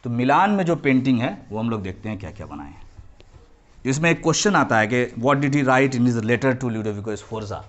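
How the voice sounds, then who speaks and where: A man's voice: mid-range voice, sing-song, normal speed, lo-fi sound. A man teaching a history lesson to children, explaining each term and repeating key points, often slipping into English phrases. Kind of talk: classroom lecture.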